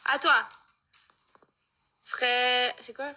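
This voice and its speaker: A woman's voice: on the high side, fairly even intonation, extremely slow. A mother coaxing her small children in repetitive, sing-song baby talk. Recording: loud background noise.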